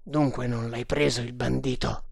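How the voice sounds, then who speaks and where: A man voicing a brooding army captain who speaks in low, measured, commanding tones. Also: fairly even intonation, gravelly, slightly rough, no room sound, clean studio sound. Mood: genial.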